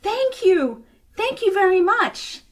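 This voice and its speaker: Woman voicing an eager, high-pitched little boy fish. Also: takes it slowly, exaggerated voice. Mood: delighted. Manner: pleading, excitable. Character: small eager pleading young male blue fish. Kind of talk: children's storybook character voice.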